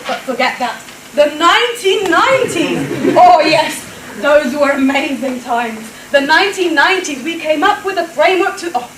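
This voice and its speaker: Woman playing pompous rambling old academic, echoey hall. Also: high-pitched. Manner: pompous, rambling, musing hesitations. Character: self-important, forgetful old academic reminiscing about past glories. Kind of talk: amateur comic pantomime stage acting. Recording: echoey hall, distant mic, noisy laughing audience.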